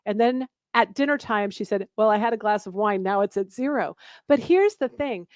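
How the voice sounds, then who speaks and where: A woman's voice: medium pitch, animated, normal speed, no room sound, studio quality. A woman in her forties, a guest author and coach on a radio talk show, telling a story and acting out the dialogue.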